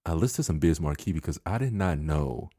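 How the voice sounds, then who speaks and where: A young man co-hosting a podcast in casual chat, laid-back and quick to laugh, often plugging the show. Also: a bass voice, animated, mellow, no echo, studio quality. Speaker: podcast co-host.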